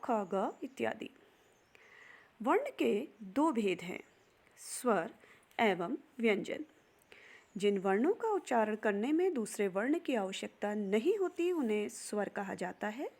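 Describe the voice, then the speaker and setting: A woman's voice: on the high side, a little mellow. A young woman giving a recorded grammar lesson, spelling out sounds one by one. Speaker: teacher.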